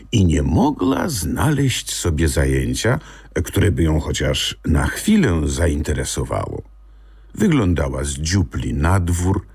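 A male actor reading a children's story aloud in an expressive, storytelling manner. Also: very deep voice, gravelly, husky. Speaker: audiobook narrator, actor. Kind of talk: scripted storybook narration.

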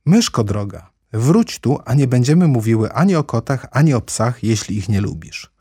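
A man's voice: lowish voice, expressive, a little slow, dark tone, husky, dry recording, studio quality, full character voice. A man voicing Alice, a polite, chatty little girl who rambles eagerly and apologizes often, in a storybook reading. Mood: coaxing.

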